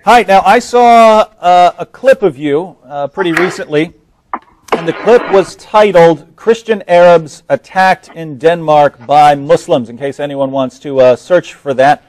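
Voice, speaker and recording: A man in his thirties hosting a live studio talk show, earnest and halting with many fillers and restarts. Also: a little high, darkish tone. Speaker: host.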